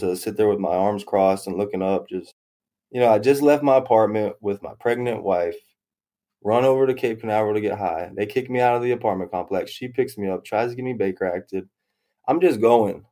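Low-voiced young man rambling through a story. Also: mellow. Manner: rambling, repeats phrases, acts out voices in quotes. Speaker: storyteller recounting his past. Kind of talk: personal story told in casual talk.

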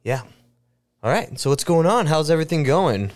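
A man's voice: on the high side, sing-song, moderate pace. Chatty man in his thirties hosting a podcast. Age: 30s. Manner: chatty, laughs often, rambling. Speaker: podcast host. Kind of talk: casual chat.

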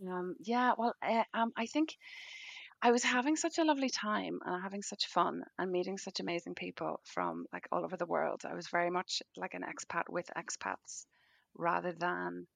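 Husky west of Ireland woman with creak. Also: lowish voice, animated, moderate pace. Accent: west of Ireland, Donegal. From Donegal, northwest Ireland. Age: middle-aged. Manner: hesitant, thinking aloud. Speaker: podcast guest. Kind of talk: casual conversational interview.

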